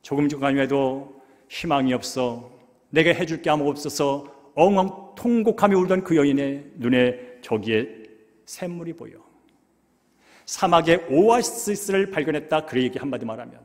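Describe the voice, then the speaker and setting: Emotive pastor preaching in a church hall. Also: male voice, medium pitch. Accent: Korean. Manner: emotive, swings from hushed to loud. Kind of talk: sermon. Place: church sanctuary. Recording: long church hall reverb.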